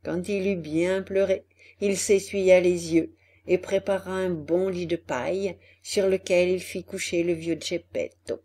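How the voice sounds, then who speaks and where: Slow-reading woman storyteller. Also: on the low side, steady tone, warm tone. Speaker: narrator. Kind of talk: storybook read-aloud.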